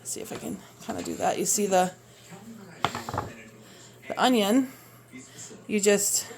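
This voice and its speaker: Chopping vegetables for a casual cooking video, a homeschooling mom in her thirties with a Minnesota accent talks in a rambling, hesitant way with lots of fillers. Her mid-range voice is gravelly. A phone propped on her kitchen counter records her, and there's background noise.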